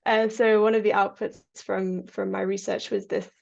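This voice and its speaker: A woman's voice: mid-range voice, level tone, moderate pace, gravelly, darkish tone. A woman from Kenya, a Parkinson's researcher, answering interview questions earnestly, with many fillers and restarts and frequent laughs. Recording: lo-fi audio.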